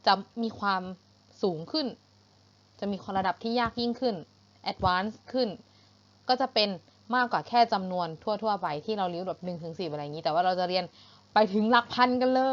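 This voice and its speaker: A woman with a Thai accent teaching English to young pupils, patient and repeating each word slowly for pronunciation. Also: mid-range voice, highs cut off. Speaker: primary school English teacher. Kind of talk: online English lesson for children.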